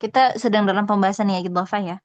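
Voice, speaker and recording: A woman presenting part of a recitation lesson to her fellow teachers, explaining readings slowly and politely. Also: medium pitch, fairly even intonation, dry recording, dull audio. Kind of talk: student presentation.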